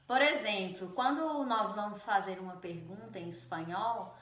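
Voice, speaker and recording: A woman's voice: medium pitch, moderate pace, a bit bright, echoey room. A Portuguese-speaking woman teaching a Spanish lesson, explaining patiently and often adding "né?" to check in with her students. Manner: explanatory, frequent "né?" tag questions. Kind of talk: online language lesson.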